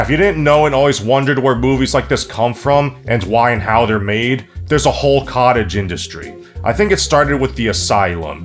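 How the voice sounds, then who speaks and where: A man narrating a comedic movie review in a sarcastic, profane, deadpan way. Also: medium pitch. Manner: snarky, profane, deadpan jokes.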